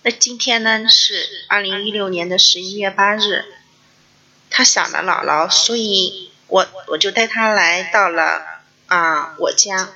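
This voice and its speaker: Bright-voiced mother telling a parenting story. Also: mid-range voice, a little slow, lo-fi sound. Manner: homely, chatty storytelling. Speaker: parenting class host.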